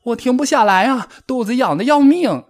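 A man voicing a timid, excitable young female rabbit in a storybook, with a shrill, panicky way of talking. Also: unhurried.

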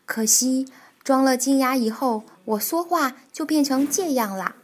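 A woman's voice: sits high, measured pace. Proud, jolly beaver dentist in a storybook, chatty and boastful; woman voicing.

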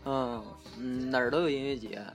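A man with a Northeastern Mandarin accent chatting casually as a podcast co-host, telling stories with halting restarts. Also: medium pitch, steady tone, faint music behind. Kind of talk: casual chat.

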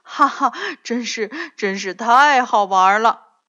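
A stubborn young frog boy from a storybook, as a woman puts him on, loud and high with a bright, lively voice. The recording sounds dull and lo-fi. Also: slow, exaggerated voice. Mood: delighted.

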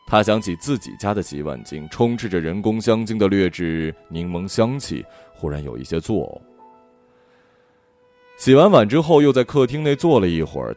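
A man narrating a story in an expressive, gentle storytelling manner. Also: sits low. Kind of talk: audiobook narration. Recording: faint background music.

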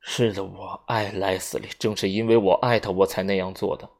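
Male reader as an old general in an audiobook, low gravelly voice, slow and courteous, resigned. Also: fairly even intonation. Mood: grave sorrowful. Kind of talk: audiobook reading.

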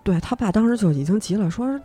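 A young woman narrating a horror story as podcast host, acting out each character's lines with sudden jumps in pitch. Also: fast talker, slightly rough, faint music behind. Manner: animated telling, acts out the characters' lines with sharp pitch jumps.

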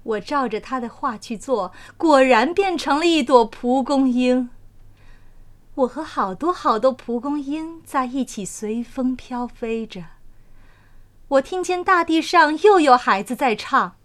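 A woman's voice: high voice, unhurried. Sing-song woman reading a children's story. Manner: expressive, sing-song, animated. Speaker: kindergarten teacher.

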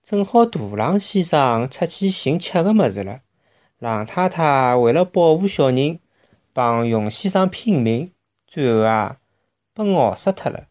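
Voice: medium pitch, expressive, unhurried, a little mellow. A storyteller with a Shanghainese accent narrating a children's story expressively, with vivid sound words.

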